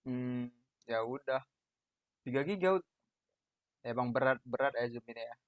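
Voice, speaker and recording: At a normal pace, a young man from Medan, Indonesia, with the local accent and a booming voice, hosts a podcast chat over video call. His manner is loud and self-mocking, punctuated by laughter. The recording is dry, with dull, lo-fi call sound.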